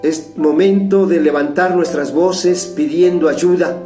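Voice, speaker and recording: A man's voice: fairly high pitch, fairly even intonation, a little slow, mellow, echoey room, soft background music. A man with a Mexican Spanish accent preaching a fervent, urgent sermon as pastor.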